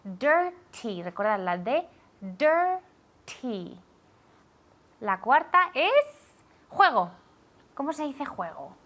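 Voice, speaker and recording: A woman runs a language lesson at an unhurried pace. Her voice sits a bit high and moves up and down a great deal as she drills each sound. She checks in with her student again and again. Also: sing-song, a bit bright. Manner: clear, drilling pronunciation with frequent checks. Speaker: English teacher.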